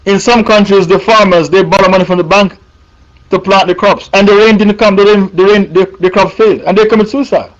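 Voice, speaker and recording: A man's voice: high-pitched, steady tone, fairly quick, muffled recording. A man preaching a sermon, emphatic and repeating his points for the listeners.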